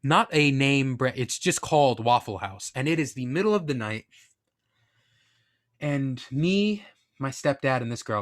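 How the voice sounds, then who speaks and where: A man's voice: mid-range voice, fairly bright tone. A young man from the Northeastern US casually telling a personal story, candid and self-deprecating, with rambling asides. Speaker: podcast storyteller.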